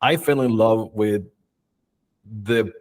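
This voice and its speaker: A man's voice: lowish voice, slow. Chilean-born man telling his story. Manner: enthusiastic, storytelling, frequent fillers. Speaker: guest, marketing and video expert. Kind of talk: casual interview chat.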